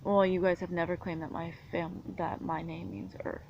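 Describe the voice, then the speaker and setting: A woman's voice: fairly low pitch, little pitch movement, moderate pace, gravelly. A woman from the United States, talking in an indignant, rambling, argumentative monologue. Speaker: vlogger. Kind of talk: casual monologue to camera. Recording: dull lo-fi sound with faint background noise.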